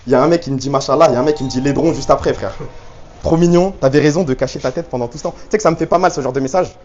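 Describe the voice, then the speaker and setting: Fast-talking, slangy male streamer. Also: medium pitch, a little mellow, muffled recording, a little hiss or hum. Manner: slangy, joking banter with viewers. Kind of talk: casual live stream chat, reading chat aloud. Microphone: handheld phone rig with stabilizer.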